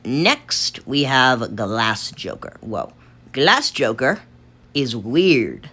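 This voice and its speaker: A gaming video creator with a strikingly low, slightly rough voice rambles through a casual tier list, thinking aloud with many fillers and restarts. She draws out her words, and her pitch rises and falls in a lively, animated way.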